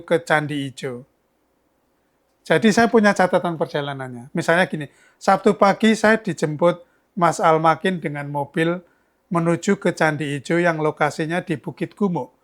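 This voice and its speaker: A man's voice: a little high, fairly bright tone. Older man, chatty storyteller. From Yogyakarta, Indonesia. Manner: chatty, storytelling, many restarts. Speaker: author guest. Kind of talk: casual interview talk.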